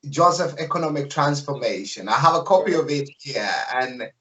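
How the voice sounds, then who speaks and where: A man hosts an interview with an upbeat, encouraging manner. His voice sounds bright and forceful at a middling pitch. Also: animated, moderate pace, muffled recording. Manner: enthusiastic, encouraging. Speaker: interview host. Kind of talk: hosting an interview.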